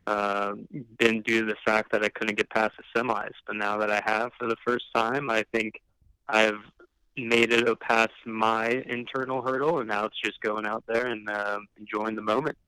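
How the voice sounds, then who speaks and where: A man being interviewed on a casual sports podcast, answering calmly with frequent filler pauses. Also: lowish voice, clear, resonant tone, dry recording, low-quality recording. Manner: calm and measured, many filler pauses. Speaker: podcast guest, league finalist.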